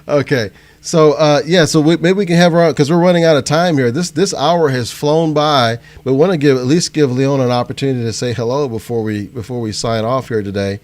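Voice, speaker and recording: A man's voice: mid-range voice, brisk, few pauses, a little mellow. A man hosting a live online panel, chatting in a friendly way over a video call and laughing easily. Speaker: host. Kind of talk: casual live panel chat.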